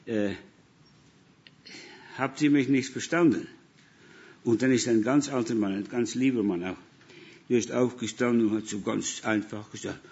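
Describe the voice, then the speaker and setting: A man's voice: medium pitch, darkish tone, muffled recording. Dutch man preaching with anecdotes. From Netherlands. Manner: storytelling, acts out dialogue. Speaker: missionary preacher. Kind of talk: sermon with anecdotes.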